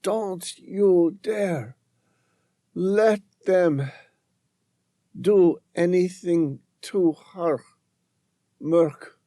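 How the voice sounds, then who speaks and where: A man voicing a desperate woman scientist trapped in the ice and dying, speaking in halting, pleading phrases in an audiobook. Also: sits high, mellow, dry recording, clean studio sound, voice pushed up. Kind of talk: audiobook narration.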